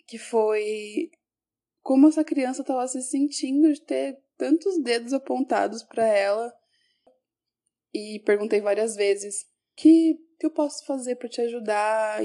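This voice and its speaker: Female teacher recounting an anecdote; reflective, corrects herself as she goes, slightly high, mellow voice. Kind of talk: personal storytelling.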